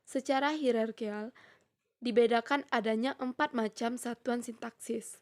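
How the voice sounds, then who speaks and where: A young woman student reading a prepared lecture in a steady, measured way, slowing down when she reads out example sentences. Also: a little high. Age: young adult. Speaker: student presenter.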